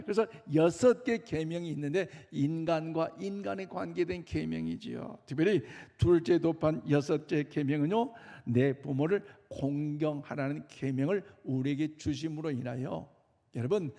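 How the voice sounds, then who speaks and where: A man's voice: on the high side, vocal fry, darkish tone. A man preaching a Sunday sermon in a church sanctuary, earnestly and emphatically addressing the congregation. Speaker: pastor. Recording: long reverb of a church hall.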